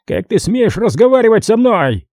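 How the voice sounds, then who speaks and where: A man voicing a furious male crime boss who shouts threats down a phone in an audiobook. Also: high-pitched, very animated, moderate pace, no room sound, studio quality, pitched above the performer's own voice. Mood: enraged.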